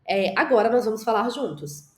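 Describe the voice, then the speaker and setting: A woman teaching an English lesson with gestures, speaking to the viewer in an encouraging way and drawing out the model sentences slowly for repetition. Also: fairly high pitch, expressive, darkish tone, reverberant.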